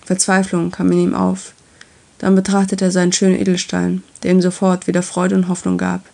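A woman narrating a fantasy story in a calm, even reading voice. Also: on the low side, fairly quick, creaky.

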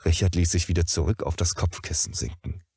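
A man reading a story aloud in an expressive storytelling manner. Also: deep voice, brisk, breathy edge, dry recording, clean studio sound. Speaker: narrator.

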